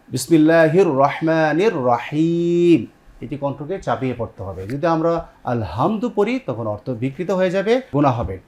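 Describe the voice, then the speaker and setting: A man's voice: a little high, darkish tone. Patient male Quran teacher quizzing students. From Bangladesh. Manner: patient step-by-step explaining, quizzing students with questions; repeats students' answers back, sounds out Arabic words slowly. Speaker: Quran recitation teacher and TV host. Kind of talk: televised Quran tajweed lesson.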